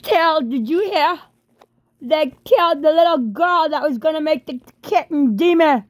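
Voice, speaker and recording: A woman giving a rambling spoken monologue in disjointed, halting, drifting phrases. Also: high voice, lively intonation, no room sound.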